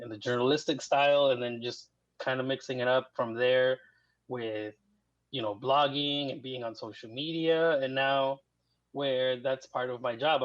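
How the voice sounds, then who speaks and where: A Mexican man in his thirties, appearing as a guest writer on a podcast, talks in a casual interview at an easy, rambling pace full of fillers. His voice is medium-pitched, and the recording is dry, muffled, and lo-fi.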